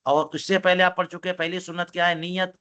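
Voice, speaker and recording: Guy teaching religious text in class, slightly high voice, reads arabic then explains it, keeps asking the students stuff. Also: flat delivery, sharp tone, smooth, muffled recording. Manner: explains text line by line, asks students questions.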